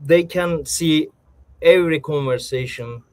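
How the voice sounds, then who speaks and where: A man from Turkey with a Turkish accent, a founder answering panel questions on a video call in halting, eager English full of restarts and fillers. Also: fairly high pitch, no echo, rough recording. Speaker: startup founder pitching. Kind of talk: live Q&A answers.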